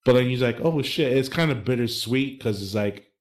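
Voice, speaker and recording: A man's voice: mid-range voice, fairly quick. A man co-hosting a podcast, explaining his views at length in casual chat with fillers. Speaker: podcast co-host.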